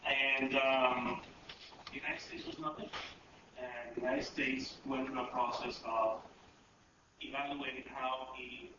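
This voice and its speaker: Man, raspy cold-hoarsened voice, measured halting panel remarks, distant dull recording, noisy background. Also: medium pitch, expressive, heavy reverb. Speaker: panel speaker, policy advisor. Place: echoey indoor event room. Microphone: distant microphone.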